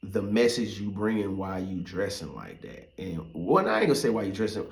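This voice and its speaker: A man's voice: deep voice, sing-song, fairly quick, vocal fry, reverberant. A middle-aged man as podcast host, talking in a loose, profane, rambling way with many fillers. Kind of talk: casual monologue.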